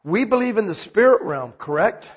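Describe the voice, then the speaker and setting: Casual, joking male preacher with a lively, husky voice; lo-fi sermon recording. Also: high voice, normal speed. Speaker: pastor.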